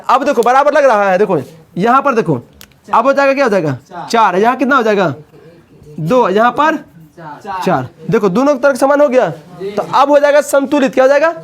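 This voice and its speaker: A man teaching a coaching class, often asking students questions and repeating the answers. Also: extremely high pitch.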